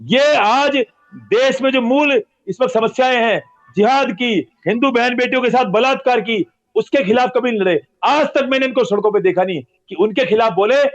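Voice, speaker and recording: High-pitched guy ranting hard in an interview, keeps repeating himself, muffled audio. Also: moderate pace. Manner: forceful, repetitive, accusatory. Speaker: religious guest. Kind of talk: heated interview answer. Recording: dull lo-fi audio.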